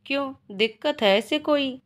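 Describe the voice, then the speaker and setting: A playful young husband teases his wife in a quiet, lowered voice, as a woman storyteller reads him. He sounds relaxed and amused, with a gently mocking manner. The pitch still sits a little high. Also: a little slow. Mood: teasing.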